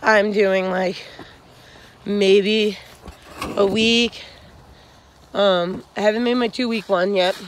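Her medium-pitched voice stays fairly even, moving slowly with long pauses, and a faint hiss or hum sits underneath. A young hiking vlogger, she rambles through honest advice with many fillers, recording on a phone at arm's length on a wooded trail.

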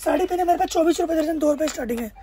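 His pace racing and his tone warm, a young man selling wholesale in a crowded indoor market shop fires off prices in an emphatic pitch, going back over his terms. The recording carries a little hiss or hum.

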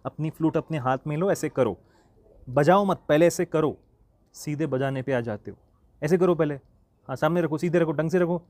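A man's voice: fairly high pitch, normal speed, darkish tone, no echo. A man teaching a flute lesson in a casual, chatty way, singing the note names aloud as he goes. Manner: chatty and encouraging, sings the notes aloud. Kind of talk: casual online music lesson.

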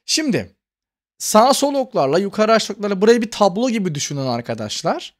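A man's voice: high-pitched, big pitch swings, brisk. A man hosting a computer tutorial, chatty and explanatory, often addressing viewers as friends. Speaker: tutorial host. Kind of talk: screen-recorded computer tutorial.

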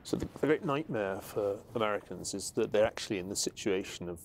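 Gravelly-voiced man from Scotland, thoughtful. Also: fairly low pitch, animated, a little fast, a little hiss or hum. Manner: thoughtful, searching, with many restarts. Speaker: historian guest. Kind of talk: conversational interview. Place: studio set with armchairs. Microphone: lapel.

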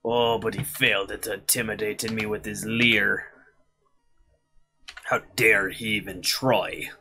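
A man's voice: on the low side, level tone, measured pace, pushed and bright, faint music behind. A man streaming a video game, dropping pirate-style yar and arr growls and swearing as he plays. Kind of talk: let's play commentary.

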